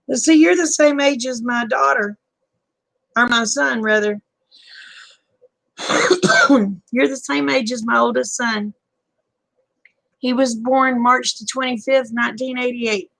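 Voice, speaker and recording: A woman's voice: high-pitched, gravelly, fairly bright tone, no room sound, poor audio. A woman in her fifties, hosting a live chat stream and talking casually with viewers in a folksy, talkative way, often chuckling. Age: 50s.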